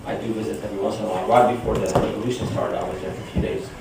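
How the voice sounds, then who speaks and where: A man born in Damascus, Syria, who moved to the US when young, speaks as a guest speaker at an informal public presentation in an indoor room. His voice is lowish and steady, and he races along conversationally, often checking in with "you know" and "right?". The recording is very echoey, with a distant mic and clear noise.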